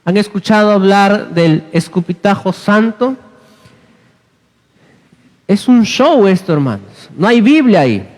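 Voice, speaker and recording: A Peruvian man preaches a sermon in a church hall, exhorting the congregation and slipping in humorous asides. His high, darkish voice swings widely in pitch at a measured pace with long pauses, and the recording has long church reverb.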